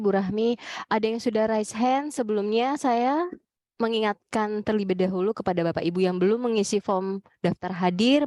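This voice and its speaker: A woman's voice: mid-range voice, mellow, no room sound. A woman moderating an online session, making polite, formal announcements and passing the floor. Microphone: video call.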